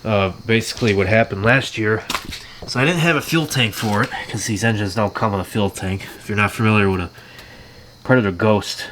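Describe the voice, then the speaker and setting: A man's voice: fairly low pitch, brisk, fairly bright tone, a little hiss or hum. A worn-out, congested man talking offhand about fixing a minibike in his garage, with dry jokes. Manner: tired, offhand, dry joking. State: tired and congested from allergies. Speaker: channel host. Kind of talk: casual garage vlog. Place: home garage.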